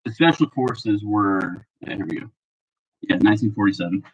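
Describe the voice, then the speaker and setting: A man who is sick, talking a bit monotone in a rambling, casual monologue full of fillers and restarts. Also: lowish voice, moderate pace, slightly rough, lo-fi sound. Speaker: political commentary vlogger.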